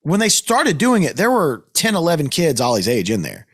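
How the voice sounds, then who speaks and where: A man's voice: on the high side, moderate pace, slightly rough. A man, a podcast host, telling a story in a casual chat, swearing often and raising his voice when worked up. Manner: animated, profane, voice climbs when worked up.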